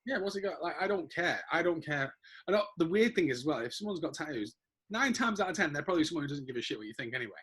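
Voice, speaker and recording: A man's voice: on the high side, expressive, very fast, a bit bright. A man hosting a casual interview, blunt and opinionated, swearing freely. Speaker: host.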